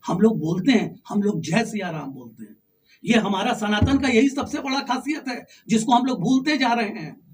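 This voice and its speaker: A man's voice: sits high, expressive, moderate pace. Argumentative man in a distant outdoor debate. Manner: insistent, argumentative, talks over the interviewer. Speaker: district-level opposition party official. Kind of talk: heated political debate. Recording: distant mic with faint background noise.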